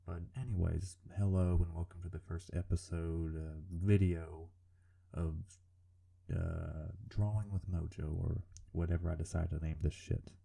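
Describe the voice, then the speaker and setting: A man speaks in a low, gravelly rumble with a very dark tone, like a serial killer. He narrates his drawing informally, hesitating and putting himself down as he goes. His language is casual and sweary. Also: steady tone, a little slow. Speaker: artist narrating a drawing video. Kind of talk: informal drawing commentary voice-over.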